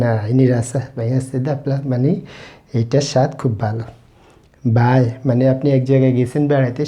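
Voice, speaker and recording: A man from Bangladesh giving a casual spoken language lesson, explaining phrases slowly and repeating each one. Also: medium pitch, warm tone. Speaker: language teacher.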